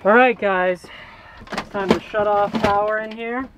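A man's voice: high voice, fairly even intonation, measured pace, background noise. A man explaining electrical work on the job in a cramped basement, in a casual, joking way. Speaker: electrician host. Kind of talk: explaining on-the-job wiring to camera. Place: cramped basement crawl space.

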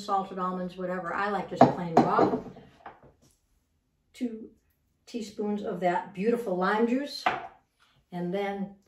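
A woman's voice: medium pitch, roomy sound, far from the mic, background noise. A woman hosting a casual cooking demonstration in a home kitchen, chatting and repeating words as she works. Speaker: cooking show host.

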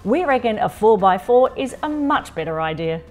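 A woman's voice: mid-range voice, sing-song, normal speed, darkish tone, faint music behind. A woman in her forties with an Australian accent, presenting a travel road trip with upbeat, encouraging narration. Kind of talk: travel narration and car chat. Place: inside a moving car.

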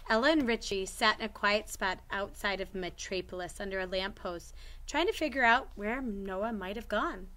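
Woman, bright tone, expressive read-aloud of a children's novel, lifts her voice for characters. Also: mid-range voice, moderate pace. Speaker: teacher reading aloud.

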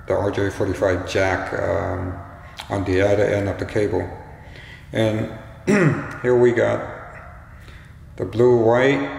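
A man hesitantly explaining a home wiring job in a casual how-to, his voice booming back with a heavy echo. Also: gravelly, darkish tone. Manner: hesitant, many ums and uhs. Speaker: DIY how-to presenter. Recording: very echoey room with long reverb and faint hum.

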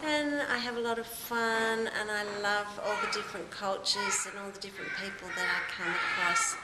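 A woman's voice: mid-range voice, fairly even intonation, normal speed. A woman in her forties who leads textile and art workshops, talking cheerfully and chattily about her work. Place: indoor room, plain wall. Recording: roomy with clear background noise.

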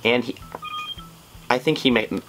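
A man's voice: medium pitch, measured pace, fairly bright tone, soft background music, lightly acted. A man playing a flustered female store leader on a prank call, hesitant and rambling as he makes excuses. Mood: earnest, explaining.

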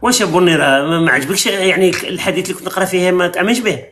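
Rapid high-voiced Algerian man debating. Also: fairly bright tone, slight background noise. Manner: argumentative, lecturing. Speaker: live stream host. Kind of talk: heated live debate.

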